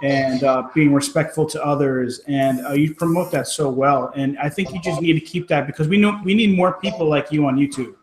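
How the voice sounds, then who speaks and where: A man on a video-call panel, speaking supportively with halting repeats. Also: a little high. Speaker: YouTuber guest on a panel. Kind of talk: casual chat. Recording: echoey room with crowd noise.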